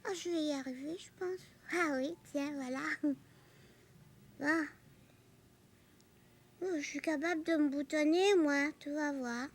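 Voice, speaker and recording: An actress voicing a lively, curious little girl on a children's TV show. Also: sits high, a little slow, pauses often. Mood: determined. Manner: eager, childlike, bragging. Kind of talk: children's TV acting.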